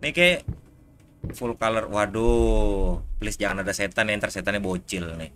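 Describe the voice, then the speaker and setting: A man's voice: on the low side, normal speed, fairly bright tone. Jumpy Indonesian man gaming. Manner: jumpy, swears when startled. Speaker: gaming streamer. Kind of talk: casual gameplay commentary. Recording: noisy background.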